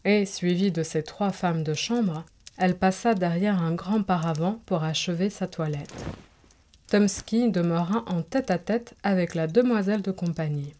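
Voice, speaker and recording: A woman narrating a classic story aloud in a measured, clear way. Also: fairly low pitch, darkish tone.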